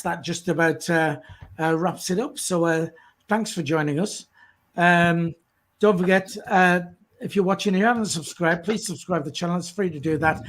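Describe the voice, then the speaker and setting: A man hosting a casual live stream, talking haltingly with many "uh" fillers. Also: a little high. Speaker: host.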